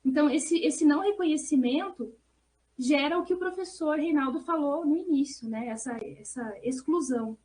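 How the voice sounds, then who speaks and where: At a normal speed, a Brazilian woman takes part in an academic discussion as a researcher, her Brazilian Portuguese accent clear. She has a high, gentle, mellow voice and an earnest, discursive way of explaining, frequently adding small check-in tags.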